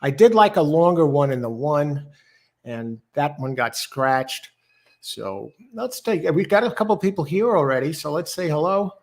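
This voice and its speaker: A man's voice: on the high side, expressive, normal speed. A man hosting a casual live horse racing show, chatting through picks and greeting listeners. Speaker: host.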